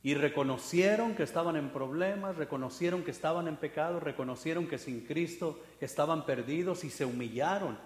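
Male pastor, fairly high voice, sermon in a reverberant hall, swings between quiet and forceful, mimics the proud. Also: a little fast, few pauses. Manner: mocks proud people in put-on voices; shifts from hushed to loud and emphatic. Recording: echoey hall with long reverb.

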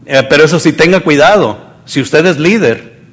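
A man preaching a sermon, swinging between loud emphasis and soft asides and acting out the people he quotes. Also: a little high, moderate pace.

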